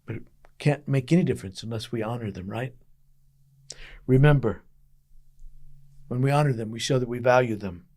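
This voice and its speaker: A man as a pastor giving a daily devotional message, telling a story earnestly with emphatic pauses. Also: medium pitch, a little mellow.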